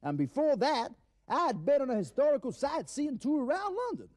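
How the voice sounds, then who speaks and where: A man's voice: very high-pitched, wildly swooping pitch, moderate pace, a little mellow, pitched above the performer's own voice, exaggerated voice. A man playing a boastful, rowdy Texan rodeo star in a TV sketch, with a put-on American Texan accent and a bragging, laughing manner. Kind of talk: TV sketch comedy acting.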